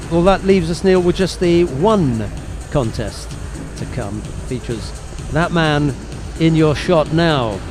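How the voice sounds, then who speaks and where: A man doing live play-by-play sport commentary in a measured way, with dry jokes to his co-host. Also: medium pitch.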